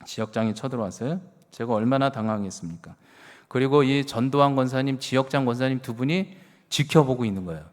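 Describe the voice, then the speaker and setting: A middle-aged man preaching a sermon as pastor, telling stories with swings from hushed words to loud exclamations. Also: mid-range voice, fast talker. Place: church sanctuary. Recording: reverberant church hall.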